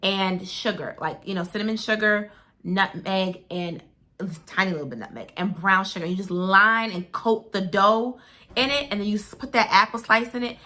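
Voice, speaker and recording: A woman with a bright, forward voice at an average pitch chats casually as a show co-host. She tells stories with emphasis and folksy asides to the listener. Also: moderate pace. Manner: emphatic storytelling with folksy asides like "honey" and "baby". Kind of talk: casual chat.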